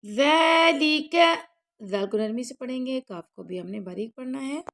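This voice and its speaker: A woman teaching Quran recitation rules, who chants each verse slowly and loudly and then explains quickly and softly, often checking that the learner follows. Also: fairly high pitch, gravelly. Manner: checks in with the listener after each rule.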